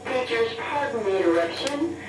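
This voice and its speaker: A woman making a polite, formal school announcement over the intercom loudspeaker. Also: on the high side, expressive, normal speed, reverberant, far from the mic, over loud music, low-quality recording. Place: classroom, heard over the PA.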